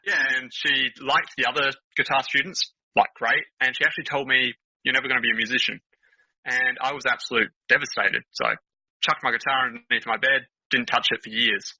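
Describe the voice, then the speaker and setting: A man's voice: medium pitch, fairly even intonation, brisk, pushed and bright, breathy edge, no room sound, muffled recording. A young man, chatting casually as a guest on a podcast, with lots of fillers and laughter. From Australia.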